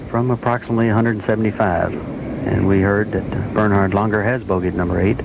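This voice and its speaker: A low-pitched man gives live golf commentary on an old television broadcast. Loud outdoor noise runs behind his voice as he calls the shots. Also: fairly even intonation, a little fast, gravelly. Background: loud outdoor ambient noise.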